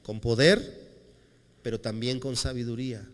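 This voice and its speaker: A male pastor preaching a lively, conversational sermon, acting out quotes as he tells stories. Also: mid-range voice, measured pace, big-room sound. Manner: animated storytelling, acting out quotes.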